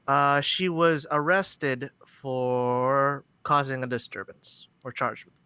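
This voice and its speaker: A man on a podcast giving news updates in a halting way with many fillers. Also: mid-range voice, steady tone, sharp tone, clear, resonant tone, dry recording. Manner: hesitant, full of fillers. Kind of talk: casual chat.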